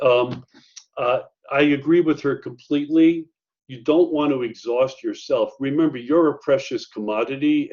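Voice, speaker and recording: A man's voice: medium pitch, darkish tone. Chatty man leading an online training. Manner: conversational, many fillers and asides. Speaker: workshop presenter. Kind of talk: online faculty training talk. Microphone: video call. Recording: muffled video-call audio.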